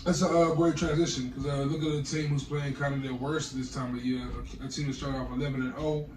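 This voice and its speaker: Podcast host, male, quick and slangy, stammers, hiccuping, roomy distant mic. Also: medium pitch, flat delivery, crowd noise. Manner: fast, stammering restarts, slangy. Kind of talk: casual sports chat.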